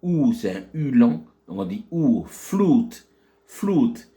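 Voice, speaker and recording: A man's voice: mid-range voice, animated, unhurried, warm tone. A man teaching a phonetics lesson, explaining with many fillers and restarts and stretching out English words to model their pronunciation.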